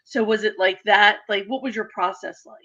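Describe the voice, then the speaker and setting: A woman's voice: medium pitch, steady tone, moderate pace, sharp tone, highs cut off. A woman host who asks chatty, hesitant interview questions full of ums.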